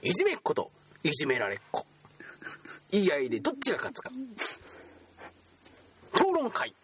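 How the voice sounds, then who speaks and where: A young man hosting a casual comedy podcast from inside a car, playful and quick to laugh at his own slips. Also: high voice, wildly swooping pitch, a bit bright, a little hiss or hum. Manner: playful, stumbles and laughs at himself. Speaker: podcast host.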